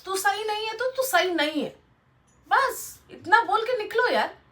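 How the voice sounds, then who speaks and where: Young woman vlogger, pretty high voice, preachy and blunt, telling viewers how to live. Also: expressive, a little slow, pushed and bright. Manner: blunt, lecturing, addresses viewers directly. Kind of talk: motivational casual talk to camera.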